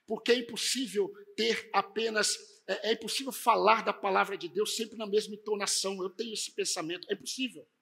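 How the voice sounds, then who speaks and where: High, gravelly-voiced preaching man. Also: fairly even intonation, a little fast, few pauses, bright, forceful tone. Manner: emphatic preaching, varied intonation. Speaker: pastor. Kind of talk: sermon. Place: church.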